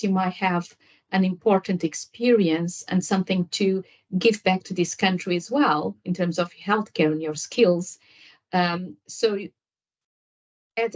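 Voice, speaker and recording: A woman guest on a nursing podcast whose first language is Portuguese, answering at length with many fillers and restarts. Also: mid-range voice. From Angola. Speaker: nurse guest. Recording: slightly dull lo-fi audio.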